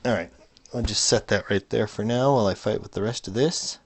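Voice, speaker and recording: A man's voice: on the low side, a little fast. A man casually narrating his hobby electronics work in a dry, sarcastic way, talking to himself as he tinkers at a home workbench. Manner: dry, sarcastic, muttering to himself while working. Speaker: hobbyist modder.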